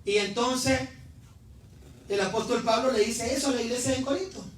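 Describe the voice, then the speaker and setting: A male pastor preaching a sermon, shouting refrains and calling on the congregation to answer. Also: very high-pitched, normal speed. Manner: animated preaching, shouting refrains, calls for responses. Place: church sanctuary. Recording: echoey church hall, mic at a distance.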